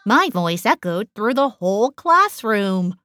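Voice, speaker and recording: A woman narrating children's stories in an expressive read-aloud style. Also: medium pitch, unhurried, dry recording, studio quality. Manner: animated and sing-song. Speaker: storybook narrator.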